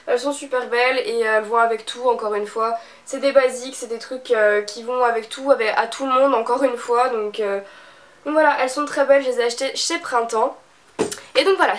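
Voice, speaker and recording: A young woman from France, a beauty vlogger with a stuffy nose, chatting casually with many fillers and restarts. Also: fairly high pitch. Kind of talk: casual chat.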